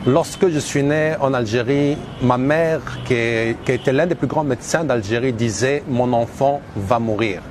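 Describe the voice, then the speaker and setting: A man in his thirties from Algeria shares a personal religious testimony at a medium pitch, with noise in the background. He speaks earnestly and emphatically, repeating phrases deliberately.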